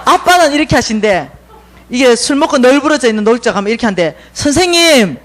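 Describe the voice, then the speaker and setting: A middle-aged woman with a Gyeongsang accent, telling stories in a church seminar and acting out the dialogue with big jumps in pitch and volume. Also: expressive, fast talker, slight background noise. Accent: Gyeongsang Korean. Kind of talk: lively storytelling lecture. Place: church lecture hall.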